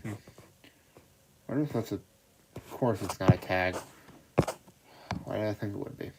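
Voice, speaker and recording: Gravelly rambling man on a noisy stream. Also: lowish voice, unhurried. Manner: rambling, self-deprecating, talks to himself. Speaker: livestreamer. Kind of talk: casual solo stream chatter. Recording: loud background noise.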